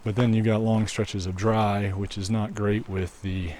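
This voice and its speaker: A man walking a snowy trail outdoors and chatting casually to his viewers, relaxed and musing, with a mic on the camera. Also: lowish voice, a little slow. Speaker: walking video host. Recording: outdoor recording with stream noise.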